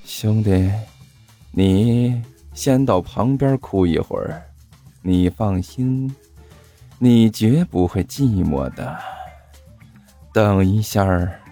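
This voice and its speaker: A man's voice: mid-range voice, darkish tone, slightly rough, heavily acted. A man voicing a short-tempered, cocky young man who fires off brash retorts and stammers when scared.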